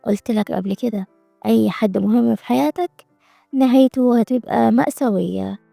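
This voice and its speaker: A woman plays a scheming young man whose quiet, even voice hides menace, with an Egyptian Arabic accent. The tone is low, mellow and gravelly. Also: brisk, no echo, soft background music. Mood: calm menace. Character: cold, scheming young man, a hidden villain.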